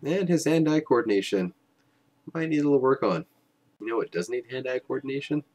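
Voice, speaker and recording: A young man giving joking, wry play-by-play voice-over of game highlights. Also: expressive, fairly quick, a little mellow. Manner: wry, joking, self-mocking. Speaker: highlights commentator.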